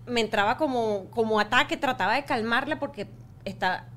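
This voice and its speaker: A woman's voice: on the high side, normal speed, a bit bright. A woman in her thirties, a mother of quadruplets, talking reflectively as a guest in a casual interview. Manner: talkative, reflective, often adds "¿sabes?".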